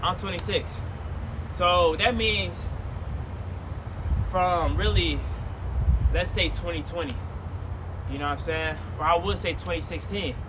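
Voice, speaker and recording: A high-voiced man in his twenties rambles through a loose, casual outdoor vlog, circling back to the same phrases again and again. He is recorded on a phone, with cars and city noise rumbling clearly behind him. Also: measured pace, pauses often. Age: 20s. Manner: rambling, repeats phrases, colloquial. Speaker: streamer. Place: outdoors near traffic.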